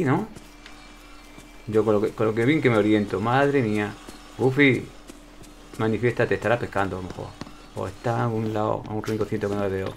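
Gravelly Spain-accented man commenting on a game. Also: on the low side. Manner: chatty, talks to himself while playing. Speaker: gameplay commentator. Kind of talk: casual gameplay commentary.

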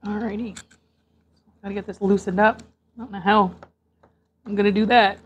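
Speaking at a normal pace, a woman with a steady, mid-range, slightly rough voice hosts a mukbang. She's in her thirties and sits on her living room sofa with a lapel mic, chatting casually and eating between remarks.

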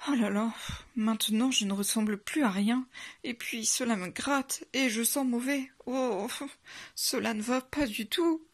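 Lady doing a grumpy big wolf, fussy, kinda husky and a bit high. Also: lively intonation, unhurried, exaggerated voice. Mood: dismayed. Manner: fussy, exclaims in dismay.

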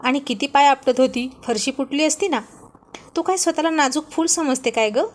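A woman's voice: high-pitched, normal speed, lightly acted. A woman voicing a teasing, bossy young husband who mocks his wife playfully. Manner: mocking, playful taunts.

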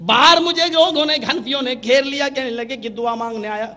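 A man preaching a sermon, animated and mocking, acting out the dialogue in his stories. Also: very high voice. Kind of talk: sermon with storytelling. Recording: long hall reverb.

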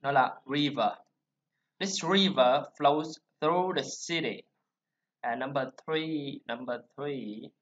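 Male teacher, slow, drills sounds repeatedly; muffled lo-fi audio. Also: medium pitch, fairly bright tone. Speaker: English pronunciation teacher. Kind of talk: screen-recorded lesson talk. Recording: dull lo-fi voice recording.

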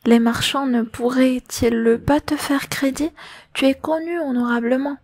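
A woman's voice: high voice, fairly even intonation, measured pace, a little mellow, no room sound. A woman voicing an anxious, worn-down young mother in an audiobook, speaking in a pleading tone. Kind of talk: audiobook reading of a novel.

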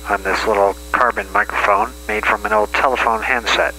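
A man casually demonstrating a modified toy, his voice coming through an old carbon telephone microphone and a small toy speaker, talking in a halting way with many fillers. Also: lowish voice, creaky, pushed and bright, a little hiss or hum, low-quality recording. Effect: voice played through an old carbon telephone microphone and a toy speaker. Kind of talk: casual demo talk.

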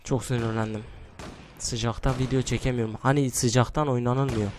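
A young man giving casual commentary while he plays a shooter game, mostly hushed because it is late at night, with sudden excited outbursts and groans. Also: mid-range voice, moderate pace, a little hiss or hum. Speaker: gaming YouTuber. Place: room at home at night.

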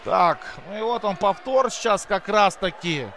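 A high-voiced man gives an excited hockey goal call in live play-by-play. His bright, forceful delivery is full of exclamations and stretched-out words, with clear rink noise behind him. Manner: exclamatory, drawn-out words, colloquial interjections. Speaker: hockey commentator. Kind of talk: live play-by-play sports commentary.

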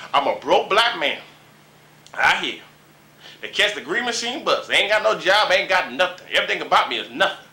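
Sharp in tone and fairly high, the voice comes from a fortysomething man from Dayton, Ohio. In a small room indoors, he delivers a boastful, meandering comic monologue with banter for a local talk show.

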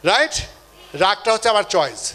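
A man delivers a motivational seminar talk in a high, bright, forceful voice. He is animated, acts out the people he quotes and keeps putting questions to the audience. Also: normal speed. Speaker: motivational speaker.

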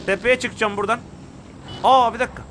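Excitable Turkish gamer, bright high voice. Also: male voice, fast, slight background noise. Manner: excitable, exclaiming and talking to viewers. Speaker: mobile game streamer. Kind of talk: live gameplay commentary.

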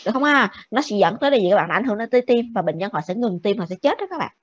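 A woman's voice: medium pitch, expressive, breathy edge, dry recording. A woman teacher gives a classroom lecture, checking with the students after nearly every point. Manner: brisk, keeps checking with the class. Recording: dull lo-fi with faint noise.

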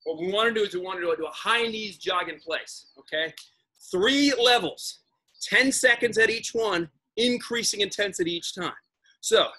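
Male aerobics instructor, middle-aged, high-pitched forceful voice, urging the class through moves and counts. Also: rough recording. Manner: encouraging, urging, exerting himself while talking. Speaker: fitness instructor leading a boot camp class. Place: outdoors in a backyard garden. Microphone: camera a few metres away.

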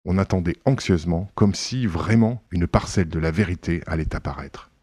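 Man, audiobook narrator, very low voice, dry sound, measured. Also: a little mellow, husky, no echo.

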